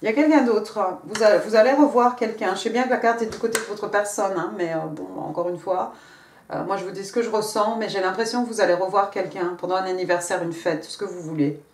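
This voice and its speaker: A woman reads tarot cards for her viewers in a loose, chatty way, stopping, restarting and repeating words as she goes. Her voice sits at an ordinary middle pitch. The room around her rings with a noticeable echo. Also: a little hiss or hum. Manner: chatty, halting, repeats words, many fillers; speaks directly to the viewer. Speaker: tarot card reader. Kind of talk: casual tarot reading to camera. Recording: echoey room.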